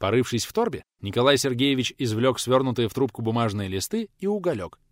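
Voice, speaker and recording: Male audiobook narrator, mid pitch, animated delivery, dead-dry close recording. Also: a little fast, no echo. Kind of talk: scripted narration.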